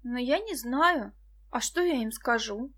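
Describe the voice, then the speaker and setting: Shy, earnest young girl read by a woman, high-pitched, audiobook style. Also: expressive, a little slow, fairly bright tone. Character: young girl Musya, shy but firm.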